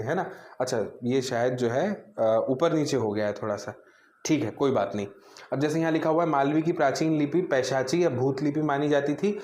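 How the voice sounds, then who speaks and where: A man's voice: medium pitch, darkish tone, reverberant. A man teaching an exam-prep grammar lecture, explaining step by step and answering his own questions.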